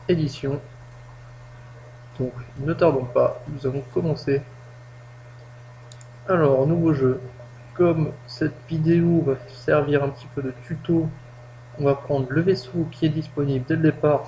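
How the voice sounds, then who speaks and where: Casting note: man, somewhat high voice, chatty self-mocking game tutorial host, low-quality home mic with faint hum. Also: mellow. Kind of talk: casual gameplay tutorial.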